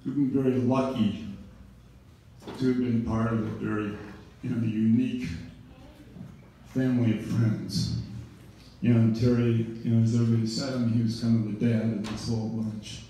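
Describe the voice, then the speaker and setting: A man's voice: medium pitch, fairly even intonation, normal speed, pauses often, dark tone, a little hiss or hum. A middle-aged man giving an informal memorial speech, rambling with many fillers and wry jokes. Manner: rambling, full of "you know", wry jokes. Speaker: eulogy speaker. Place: large event room. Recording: very echoey room, distant mic.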